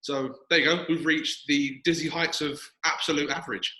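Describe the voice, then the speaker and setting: A man's voice: fairly high pitch, steady tone, sharp tone. A man hosting a podcast in casual chat, talking from his gym with a big hall echo around his voice. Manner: quick, chatty, self-mocking. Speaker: podcast host. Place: echoey gym, sitting in a squat rack. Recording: echoey gym room.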